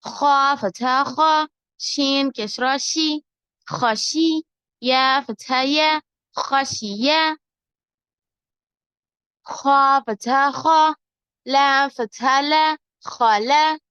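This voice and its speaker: Woman teacher sounding out letters one by one, high voice, dry slightly muffled audio. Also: a bit bright, no room sound. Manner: slow, deliberate syllable-by-syllable drilling. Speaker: Quran reading teacher. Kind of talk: spelling out letters and syllables slowly.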